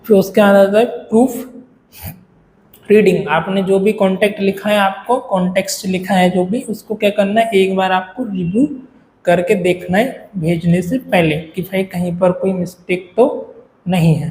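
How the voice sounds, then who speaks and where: High-voiced man lecturing in an echoey room. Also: steady tone, moderate pace, a little mellow, a little hiss or hum. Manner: Hinglish explaining with frequent "है ना". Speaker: teacher. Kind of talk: classroom lecture. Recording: echoey room with faint ambience.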